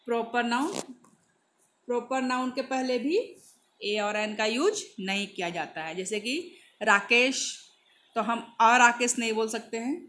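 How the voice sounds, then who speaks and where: A woman teaching English grammar in Hindi, who reads English examples slowly and keeps checking "है ना". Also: on the high side, sharp tone, slight background noise.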